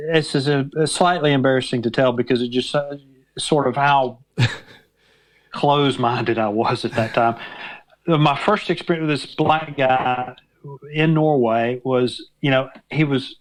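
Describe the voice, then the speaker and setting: A man's voice: medium pitch, low-quality recording. A man from Mississippi, a guest in a conversational interview, who hesitates and restarts often while searching for words.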